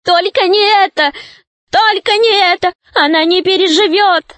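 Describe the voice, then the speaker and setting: A tearful little male gnome pleads in a high, shaky voice, voiced by a woman. The sound is close and dry, with no room around it. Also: normal speed, fairly bright tone, dry recording. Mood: desperate. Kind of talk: audiobook character voice.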